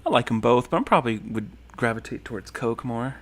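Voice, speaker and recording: Lively intonation and a fairly bright, mid-range voice mark this easygoing male host in his thirties, who talks a little fast. He reads comments on a casual livestream, rambling in a friendly manner full of ums and thank-yous.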